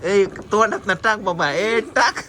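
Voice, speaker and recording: A man's voice: fairly high pitch, unhurried, noisy background. A man running a family food challenge outdoors, hurrying the eaters along and teasing them as he counts the scores. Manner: urges and teases, counts out scores. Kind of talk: casual excited commentary.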